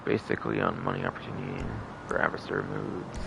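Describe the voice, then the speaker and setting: With a rumbling, gravelly low voice and big pitch swings, a livestream host talks briskly through a game. His commentary is loose and rambling, full of repeated stock phrases, and the recording is noisy.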